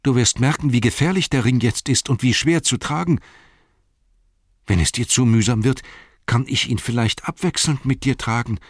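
A man's voice: mid-range voice, moderate pace, no echo, studio quality, voice pushed up, close to an everyday voice. A man voicing a loyal, earnest male hobbit servant in an audiobook, protective and determined. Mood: reassuring. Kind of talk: audiobook character voice.

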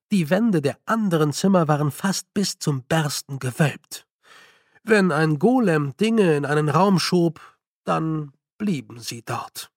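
A man narrating an audiobook in a measured, deliberate way. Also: a little high, no room sound, clean studio sound. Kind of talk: scripted narration.

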